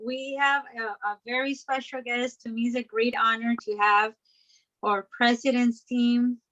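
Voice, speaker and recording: A woman's voice: on the high side, flat delivery, measured pace, fairly bright tone, highs cut off, a little hiss or hum. A woman hosting a live online chat, introducing a guest with enthusiasm. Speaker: host.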